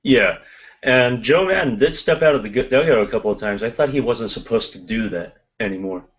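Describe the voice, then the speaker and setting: A man's voice: mid-range voice, brisk, slight background noise. A man co-hosting a podcast in casual chat, rambling with many restarts and fillers. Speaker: podcast co-host. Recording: dull lo-fi podcast audio.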